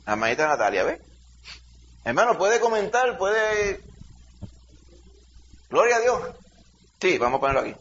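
A middle-aged man with a Dominican accent, a pastor leading a Bible study by telling a lively childhood story with shouted sound effects. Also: high-pitched, normal speed, long pauses. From Dominican Republic. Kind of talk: preaching through a personal story. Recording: dull lo-fi sound, faint hiss.

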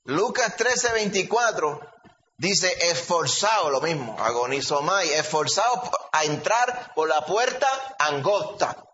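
A man preaching an animated sermon, telling stories and calling listeners brother. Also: on the high side, takes it slowly, a little hiss or hum. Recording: dull lo-fi recording, faint ambience.

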